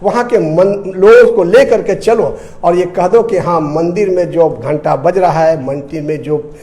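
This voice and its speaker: This Bihari-accented man from India, a debate guest and commentator, gives heated political remarks that are emphatic, repetitive and laden with rhetorical questions. His voice sits high and is warm, with a slightly slow pace.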